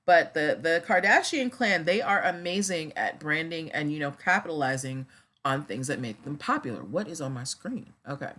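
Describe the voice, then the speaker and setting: Subdued woman livestreamer, low-pitched, recovering from surgery. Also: lively intonation, normal speed, fairly bright tone. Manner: chatty, addresses viewers directly. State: on painkillers after surgery, a little slowed. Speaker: livestream host discussing trademarks. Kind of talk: casual livestream commentary.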